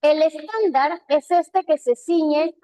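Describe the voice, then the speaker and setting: A woman from Peru teaching a language in a live online class takes it slowly as she answers student chat questions, her Peruvian Spanish accent carried by a high, bright voice. She's warm, repeatedly asks "right?" to check understanding, and names students in praise. The sound is close and dry, free of room echo.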